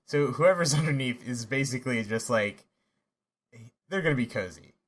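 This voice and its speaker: Halting male podcast co-host. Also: mid-range voice, animated. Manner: halting, with many restarts and laughs. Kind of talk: casual chat.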